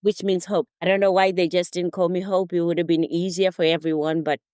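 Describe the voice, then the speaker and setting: A middle-aged woman from Zimbabwe, a therapist and motivational speaker, telling her story as a guest in a relaxed interview, laughing now and then. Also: fairly low pitch, fairly quick, clear, resonant tone, no room sound, studio quality. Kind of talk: casual interview talk.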